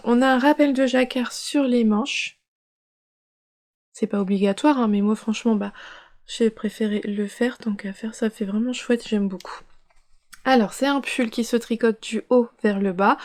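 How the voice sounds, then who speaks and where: Woman, podcast host, casual enthusiastic chat with hesitations, a touch high-pitched. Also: darkish tone. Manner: chatty, enthusiastic, with frequent hesitations. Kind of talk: casual show-and-tell chat.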